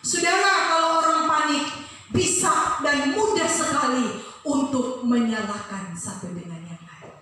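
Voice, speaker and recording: Woman preacher, middle-aged, emphatic sing-song sermon; high voice, distant mic, big echo. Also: unhurried, a little hiss or hum. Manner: emphatic, rising into sung phrases and shouts. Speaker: preacher, pastor's wife. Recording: echoey room, from a distance.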